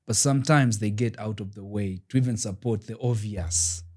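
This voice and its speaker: A man's voice: fairly low pitch, moderate pace, darkish tone. A man from Uganda co-hosting a casual podcast chat, emphatic and opinionated, often saying "man" and "yo.". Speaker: podcast co-host.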